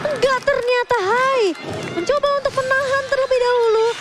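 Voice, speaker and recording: Very high-pitched woman shouting excited fighting-game-announcer commentary. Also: normal speed. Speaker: esports match commentator. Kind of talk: live play-by-play game commentary. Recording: loud music under the voice.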